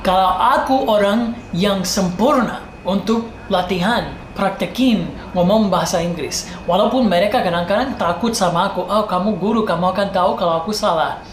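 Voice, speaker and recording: A woman's voice: mid-range voice, moderate pace. A woman with an American accent, a native English speaker speaking Indonesian as a foreigner and mixing in English, teaching in a casual, emphatic tutorial style with repeated example phrases. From United States. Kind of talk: casual tutorial for online video. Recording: roomy echo, faint background noise.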